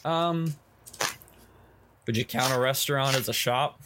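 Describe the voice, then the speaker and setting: Man, game master, casual tabletop narration, average pitch, slight background noise. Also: measured pace.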